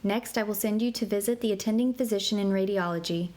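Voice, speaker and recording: In a medium-pitched voice, a woman reads scripted instructions for an interactive medical app for kids. Her delivery is even, clear, and measured.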